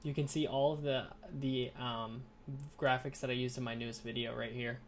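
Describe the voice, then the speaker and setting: A man co-hosts a casual livestream and chats as he sets it up at his computer. His voice sits at an ordinary middle pitch. A faint hiss runs underneath. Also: little pitch movement, normal speed. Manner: chatty, fiddles with stream setup while talking. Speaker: co-host. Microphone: headphones with computer mic.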